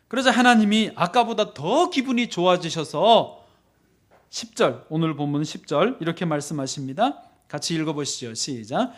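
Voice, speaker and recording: Male pastor with a high voice, preaching lively and acting out the Bible figures he quotes. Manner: acts out Bible figures in lively voices, leads congregation in call-and-response. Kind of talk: sermon.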